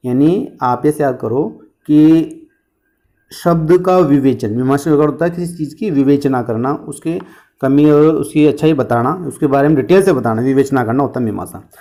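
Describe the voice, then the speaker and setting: A man's voice: on the high side, normal speed, dark tone. A man teaching an exam-prep history lesson, asking questions and answering them himself, with memory tricks and jokes.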